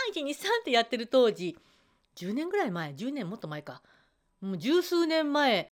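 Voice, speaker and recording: A woman voice trainer giving a chatty spoken self-help talk, acting out her students as she goes. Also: high voice. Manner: chatty, acts out quoted students.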